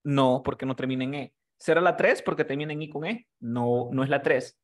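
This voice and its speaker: A man's voice: medium pitch, steady tone, fairly quick. A man teaching a class, explaining rules patiently and often checking that his student has understood. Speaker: English teacher.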